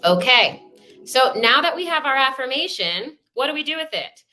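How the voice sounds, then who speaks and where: A woman's voice: high-pitched, big pitch swings, moderate pace, pushed and bright, soft background music. A woman leading a workshop over a video call, giving upbeat, encouraging step-by-step instructions. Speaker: workshop facilitator.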